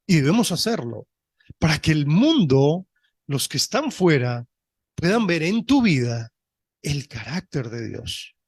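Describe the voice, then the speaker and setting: A male pastor preaching a sermon, reading scripture deliberately and often checking in with his listeners. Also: a little high, very animated, a little mellow, husky, dry recording. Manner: reads scripture slowly and deliberately.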